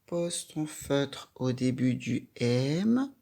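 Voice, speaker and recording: A woman guides a young child through a handwriting lesson one stroke at a time. She speaks at an extremely unhurried pace, leaving plenty of room between simple instructions. Her voice has a noticeable gravelly fry. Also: very deep voice, big pitch swings, warm tone. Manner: patient, addresses the child directly with simple instructions. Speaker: handwriting teacher.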